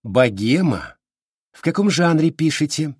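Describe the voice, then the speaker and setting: A man's voice: on the high side, very animated, measured pace, darkish tone, slightly rough, no room sound, clean studio sound, voice pushed up, exaggerated voice. A man voicing a smug, balding older man with a thin, unpleasant voice and a mocking, falsely friendly manner. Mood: needling.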